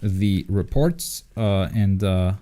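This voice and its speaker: A livestream host with a low, slow, mellow voice chats casually about a game, making wry jokes as he comments.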